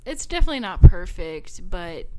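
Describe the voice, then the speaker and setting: A woman's voice: on the low side, big pitch swings, normal speed, darkish tone, clean tone. A woman co-hosting a casual film podcast, easygoing and thinking aloud, often giggling. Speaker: podcast co-host.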